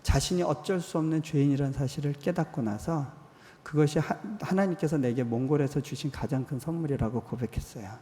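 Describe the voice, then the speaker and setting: A missionary preacher in his forties delivers a sermon in a church hall, telling personal stories conversationally in a slightly high, fairly quick voice. He acts out quoted voices and softens for tender moments, and the hall adds a long reverb.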